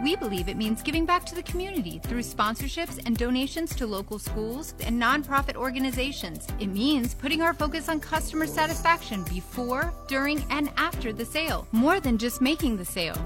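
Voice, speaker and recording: A woman doing a scripted voice-over for a car dealership radio ad. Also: high voice. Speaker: advertisement voice-over. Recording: music bed behind the voice.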